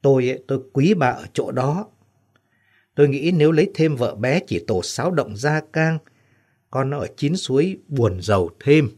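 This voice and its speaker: A man's voice: mid-range voice, lively intonation, moderate pace, darkish tone, natural voice. A man voicing a devoted older husband who speaks fondly and reflectively, in an audio story.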